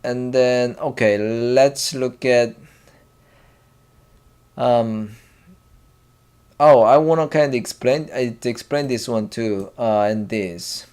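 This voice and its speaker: Slow, halting man teaching. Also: mid-range voice, a little mellow, clear, resonant tone. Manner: slow and halting, many fillers and restarts, drawn-out sounds for demonstration. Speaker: language teacher. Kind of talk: classroom language lesson.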